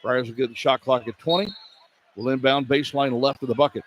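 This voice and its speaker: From courtside in an indoor arena, an American man gives live radio play-by-play of a basketball game, his medium-pitched voice fairly even in intonation and a little fast. His clipped running phrases follow the action over clear background noise from the live broadcast.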